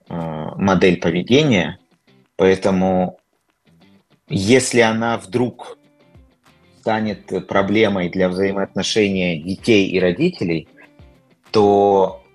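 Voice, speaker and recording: A man answering interview questions in a measured, thoughtful way, pausing often with filler sounds. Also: deep voice. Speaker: guest expert.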